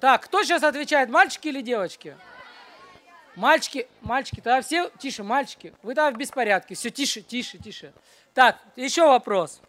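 A woman teaching at a children's church, running a brisk Bible quiz and then a short sermon, and she keeps hushing the noisy group. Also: sits high, animated, a faint crowd.

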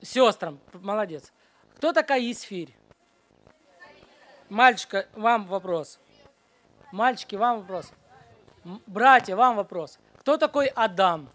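Brisk woman hushing children at church. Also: medium pitch, expressive. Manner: brisk, keeps hushing a noisy group of children. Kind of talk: leading a Bible quiz, then a short sermon to children.

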